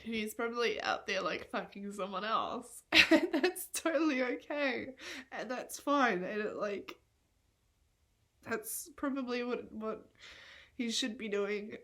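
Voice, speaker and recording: A woman's voice: a little high, expressive, a little slow, sharp tone. A young woman rambling in a tearful confessional vlog, swearing often and laughing at herself through tears.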